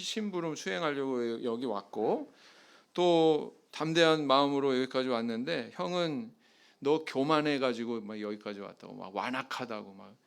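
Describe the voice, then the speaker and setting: A man's voice: medium pitch, vocal fry, smooth. A male pastor delivering an expository sermon in a church, often putting questions to the congregation and answering them himself, with frequent affirming "yes" fillers. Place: church sanctuary.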